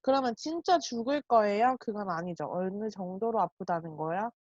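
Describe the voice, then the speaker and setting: A woman's voice: mid-range voice, expressive, a little mellow, dry recording. Woman teacher, patient, repeats example sentences, dry close sound, slightly muffled. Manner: slow, repetitive, explaining with example sentences. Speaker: Korean language teacher. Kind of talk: Korean grammar lesson.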